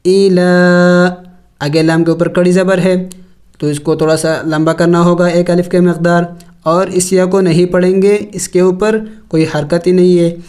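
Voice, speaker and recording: A man teaching Quran recitation, spelling out letters and vowels slowly, chanting the words drawn out, then explaining the rules in quick asides. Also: high voice, little pitch movement, a little mellow. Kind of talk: slow spelled-out tajweed lesson.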